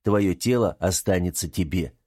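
A man reading a calm, reassuring young man. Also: low-pitched, moderate pace, no echo, studio quality. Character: steady, caring young man comforting his brother. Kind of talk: audiobook character reading.

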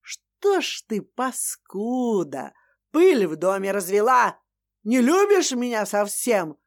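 Woman doing a loud bossy mother-in-law, yells and sneezes, crude and slow. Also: fairly high pitch, animated. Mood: mock-sweet, threatening. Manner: shouting, crude, domineering.

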